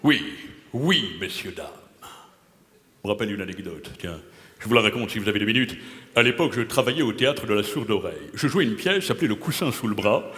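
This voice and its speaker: A man's voice: fairly low pitch, expressive, fairly quick. A man playing a pompous, self-important playwright before a live audience, declaiming grandly and laughing at his own jokes. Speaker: comedian performing a character for a live crowd. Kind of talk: improvised comic character act. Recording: echoey hall with loud crowd noise.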